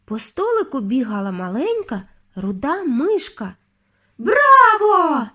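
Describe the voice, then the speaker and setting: A woman's voice: a little high, normal speed. A woman narrating a children's audiobook at bedtime, reading expressively. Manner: expressive, lively storytelling. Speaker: audiobook reader.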